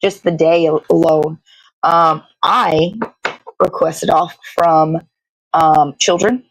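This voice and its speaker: Her voice is deep, her tone steady and her pace slow as she chats aimlessly on a casual livestream, groping for words and cursing casually. The low-quality recording carries no room sound.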